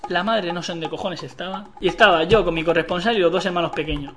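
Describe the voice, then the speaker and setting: Man, high voice, rambling profane storyteller, music bed behind. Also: fast talker. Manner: animated, profane, acts out quoted voices. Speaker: podcast co-host telling a story. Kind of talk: casual storytelling chat.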